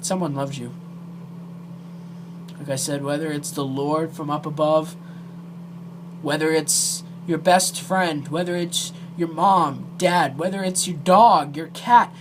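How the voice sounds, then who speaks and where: An amateur video creator speaks directly to viewers in an earnest, emotional, hesitant way. The voice is medium-pitched and slow, and the recording is noticeably noisy.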